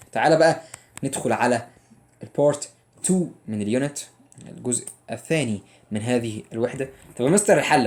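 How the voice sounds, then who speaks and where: A young man with an Egyptian Arabic accent runs a playful exam-prep English lesson at a rapid clip. He teases his students and drills each grammar rule by repeating it again and again. His voice sits in a middle register. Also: mid-range voice. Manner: jokey, teasing, drills rules by repetition. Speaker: English teacher.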